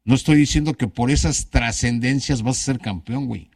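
A man's voice: mid-range voice, normal speed, a little mellow. A man hosting a sports radio show, bantering and arguing casually. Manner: bantering, argumentative, swears casually.

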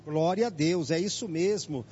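A Brazilian man hosts an evangelical radio broadcast live from church headquarters, fervently urging listeners to come to church. His voice is on the high side and dark-toned, at a normal speed. The broadcast sounds dull and lo-fi, with faint noise.

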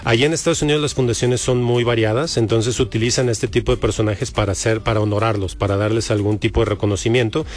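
A man's voice: fairly low pitch, fairly even intonation, fast talker, few pauses. A man from Guadalajara with a Mexican accent, an artist guest on a radio show, earnest and stumbling over words. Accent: Mexican Spanish. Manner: hesitant, repeats words, earnest. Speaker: guest painter. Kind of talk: casual radio interview.

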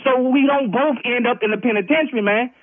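A man on a phone line, taking a collect call from a prison, talking calmly and firmly and ending his sentences with "man". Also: very high-pitched, fairly quick, no echo. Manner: calm, firm, keeps calling the other man "man", laughs as he warns. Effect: heard over a phone line while taking a prison collect call. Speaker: prank call target. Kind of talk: phone conversation.

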